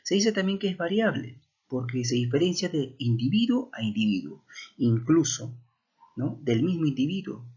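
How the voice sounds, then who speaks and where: A man's voice: on the high side, very animated, moderate pace, dark tone, slightly rough, highs cut off. A man teaches a language class, explaining step by step and often checking in with rhetorical questions.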